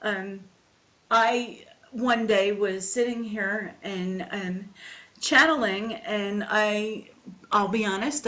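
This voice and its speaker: A woman hosting a relaxed morning chat, her voice sitting a little high. She tells stories in a chatty, giggly way and often laughs between lines. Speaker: host. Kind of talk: casual chat.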